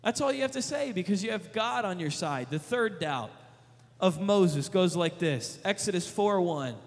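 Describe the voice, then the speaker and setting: Preaching to young people, this man fires off emphatic rhetorical questions again and again. He speaks at a moderate pace with lively intonation in a voice that's high for a man, and a big hall's long reverb echoes through the sound.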